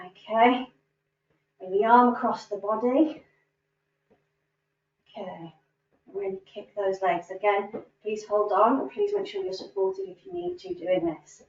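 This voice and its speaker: A woman's voice: fairly high pitch, big pitch swings, unhurried, vocal fry, long pauses, darkish tone. A woman fitness instructor leading a standing cardio class, upbeat and encouraging as she counts reps. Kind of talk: guided exercise class. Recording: roomy, distant, dull sound.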